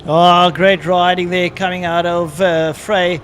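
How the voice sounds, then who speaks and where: A man giving live motorsport race commentary in a halting way, following the action as it unfolds. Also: sits high, level tone. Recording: loud engine and outdoor track noise. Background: motorcycles and vehicle noise.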